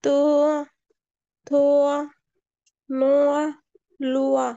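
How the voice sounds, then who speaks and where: Slow high woman student reading. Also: completely flat delivery, vocal fry, dark tone, highs cut off. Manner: slow, careful syllable-by-syllable reading.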